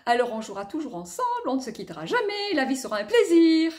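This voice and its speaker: A woman's voice: on the high side, wildly swooping pitch, quick pace. Pollux, a woman playing an eager twin boy. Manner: eager, riddling. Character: eager young twin boy, almost a teen.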